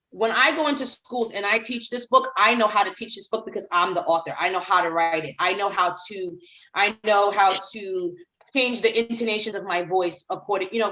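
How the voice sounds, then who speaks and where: Woman from Haiti, middle-aged, emphatic, repeats herself for weight, interview guest, mid-pitched voice. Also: bright, forceful tone, poor audio. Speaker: children's author, guest. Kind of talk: podcast interview.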